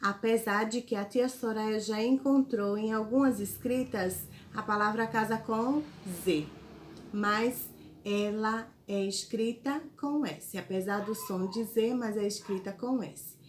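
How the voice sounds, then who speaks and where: A woman teacher, giving a spelling lesson to children slowly and patiently, spelling out syllables. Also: mid-range voice, a little hiss or hum. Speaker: primary school teacher.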